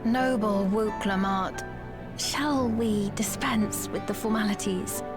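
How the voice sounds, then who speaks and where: A woman's voice: medium pitch, slow, music in the background, close to an everyday voice. A woman voicing a gracious, earnest young queen in a fantasy video game, with formal, courtly diction. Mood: formal, composed.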